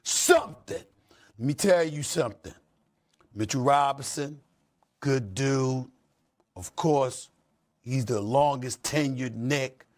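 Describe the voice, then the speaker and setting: A man on a sports debate show giving an impassioned speech, dropping to soft, emotional asides and then building up to shouting. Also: mid-range voice, takes it slowly, long pauses.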